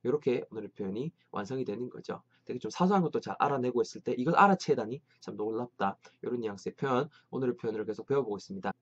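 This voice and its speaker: Lively man teaching English, dull recording. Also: medium pitch. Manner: lively, drills English phrases slowly and repeatedly. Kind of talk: online English lesson.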